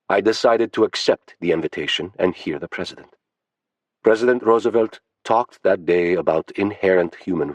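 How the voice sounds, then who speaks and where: A man reading first-person testimony for an audiobook in a steady, sober manner, close to a studio mic. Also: low voice, slightly rough, no room sound. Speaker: audiobook narrator.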